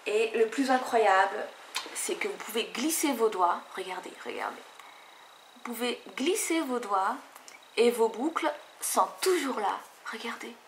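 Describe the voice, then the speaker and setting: A woman's voice: a little high, animated, measured pace, slight background noise. A young woman from French Guiana, chatting through a casual hair tutorial with lots of fillers and restarts. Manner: chatty, rambling, many fillers. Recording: echoey room.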